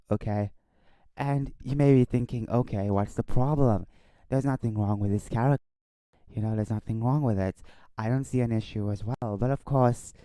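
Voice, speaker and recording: A man giving casual off-the-cuff video commentary in a halting, repetitive way, stumbling over his words. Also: lowish voice, dark tone, no room sound. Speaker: online commentary video host.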